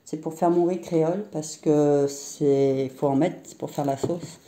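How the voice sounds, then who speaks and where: A woman's voice: low voice, steady tone, a little slow, warm tone. A middle-aged woman chatting casually through a grocery haul vlog at home, rambling with frequent hesitations. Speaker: vlogger. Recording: roomy echo.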